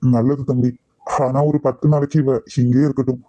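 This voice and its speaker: A man voicing a kindly older man in a cartoon, speaking calmly with a Kanyakumari Tamil accent. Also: medium pitch, a little fast, no echo, dull audio, voice pushed down, close to an everyday voice.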